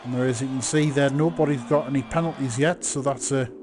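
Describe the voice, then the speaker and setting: A man commentating live on a motor race, calling the action in drawn-out phrases. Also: medium pitch, noisy background. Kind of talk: live online sim racing commentary.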